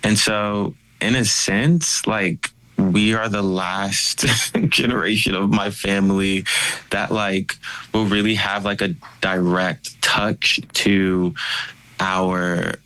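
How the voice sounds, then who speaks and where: A man speaking as a guest in a casual interview, expressive and animated, with many "like" fillers. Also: fairly low pitch, slow pace, rough recording. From United States.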